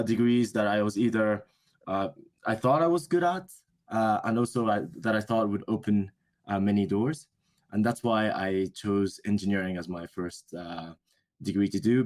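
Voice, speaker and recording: He's a young man, a business school student appearing as an interview guest, whose first language is Japanese. His voice is lowish and a little mellow. His replies are thoughtful and hesitant, and he often goes back to correct what he said.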